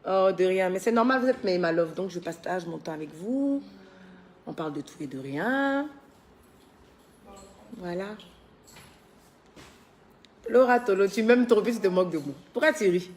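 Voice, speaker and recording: A woman's voice: mid-range voice, animated, normal speed, long pauses, a little mellow. A tired woman hosting a casual live stream from her unfinished villa, chatting and teasing, reading out viewer comments. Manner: chatty, teasing, scolds workers. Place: her villa under construction.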